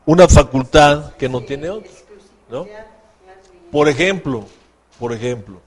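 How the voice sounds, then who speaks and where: A man's voice: a little high, measured pace. A man preaching a sermon as pastor, asking the congregation questions and acting out quoted voices.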